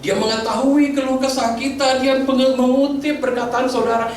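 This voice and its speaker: A man's voice: extremely high pitch, steady tone, moderate pace, far from the mic, a little hiss or hum. A male pastor preaching a sermon, asking the congregation many questions, often stumbling and restarting words. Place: church hall. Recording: very echoey church hall, voice from afar.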